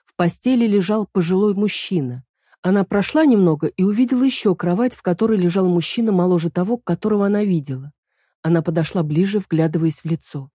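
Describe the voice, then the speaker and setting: A woman calmly narrating an audiobook in an even reading manner. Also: lowish voice, fast, husky, no room sound, studio quality.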